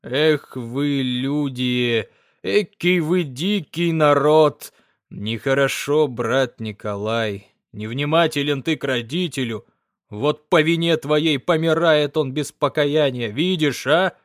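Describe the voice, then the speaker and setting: A man's voice: medium pitch, no echo, studio quality, lightly acted. A man doing a scolding village priest. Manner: reproachful, drawn-out scolding.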